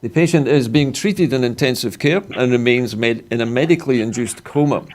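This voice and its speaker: A man's voice: mid-range voice, brisk, a little mellow, slight background noise. A man with a Scottish accent presenting the news, reading a statement and putting questions to guests, correcting small slips as he goes. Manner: reads bulletin text with small slips and corrections.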